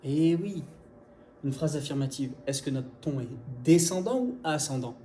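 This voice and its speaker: A man teaching English pronunciation in an online video lesson, speaking in a lively, informal way to the viewer and demonstrating English phrases. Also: fairly high pitch, moderate pace. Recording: echoey room, faint background noise.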